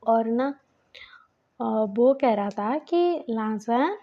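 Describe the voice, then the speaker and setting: A woman's voice: a little high, expressive, extremely slow, lo-fi sound. A woman telling a fan-fiction story casually, in a chatty way full of fillers.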